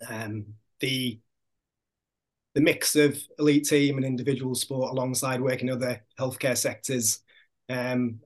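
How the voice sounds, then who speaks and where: A man with a Hull accent giving measured, explanatory answers as a guest in an interview. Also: medium pitch. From Hull, Yorkshire, England. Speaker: podcast guest, sports doctor.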